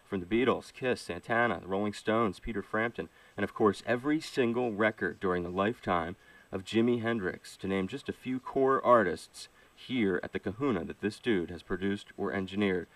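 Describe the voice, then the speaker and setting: A male radio host with a low voice interviews a guest, using upbeat DJ patter. The sound is dry, with no room echo. He sits back from the mic. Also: normal speed, distant mic.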